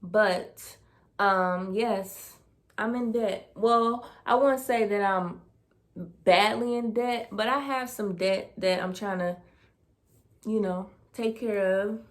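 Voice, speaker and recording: A vlogger in her 20s from Dayton, Ohio, US casually answers personal questions in a Q&A tag video, thinking aloud with fillers. She speaks slowly in a medium-pitched voice.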